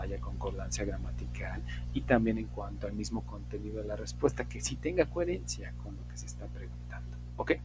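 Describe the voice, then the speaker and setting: A man's voice: fairly low pitch, background noise. A man teaching an English class in a recorded lecture, explaining patiently and repeating key points. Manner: explanatory, repeats key points, models example sentences aloud.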